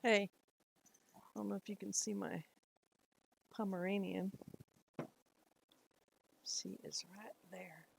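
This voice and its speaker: A woman's voice: mid-range voice, steady tone, slow pace, gravelly, long pauses, slight background noise, rough recording. A middle-aged woman chatting casually to camera at home, rambling and laughing often. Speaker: lifestyle vlogger. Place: at home, indoors.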